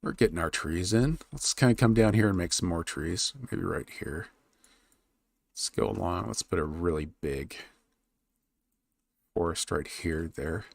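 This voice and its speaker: A man live-streaming while he draws a fantasy map, thinking aloud and chatting with his viewers in a relaxed, rambling way. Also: deep voice, measured pace, vocal fry, long pauses, no room sound. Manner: thinks aloud, muttering while he works, then perks up to talk to chat. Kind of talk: casual live-stream chat while working.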